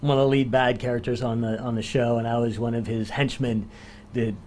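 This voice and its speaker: A man's voice: mid-range voice, flat delivery, brisk, a little mellow, a little hiss or hum. A male actor, a guest on a chat show, telling anecdotes casually with many fillers and restarts. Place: studio.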